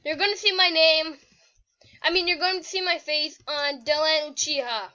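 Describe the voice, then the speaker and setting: Woman gamer chatting, really high voice, goofy slangy rambling, muffled audio. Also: normal speed, sharp tone. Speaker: channel host. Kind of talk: casual gaming chat. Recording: muffled lo-fi recording.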